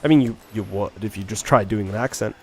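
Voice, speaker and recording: With a voice on the low side and a quick pace, a young Irish streamer chats casually with viewers, rambling, thinking aloud and full of restarts and questions. Soft background music, faint beats, runs underneath.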